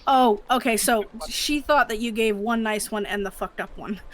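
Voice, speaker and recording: A woman's voice: on the high side, normal speed, fairly bright tone. A woman running a tabletop role-playing game, explaining rulings in a matter-of-fact way. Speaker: game master. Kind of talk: casual game mastering.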